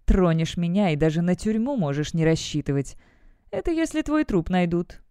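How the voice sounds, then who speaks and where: A woman's voice: on the low side, very animated, normal speed, dark tone, clean tone, no echo, studio quality. A woman reading the lines of a haughty young female demonologist who gives clipped, cold orders. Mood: cold, curt.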